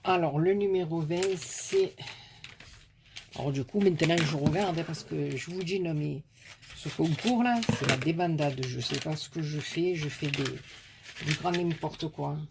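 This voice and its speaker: The recording is very noisy, carrying a woman's low voice at a moderate pace. A craft YouTuber with a southern French accent, she casually and lovingly talks viewers through the mail her followers sent.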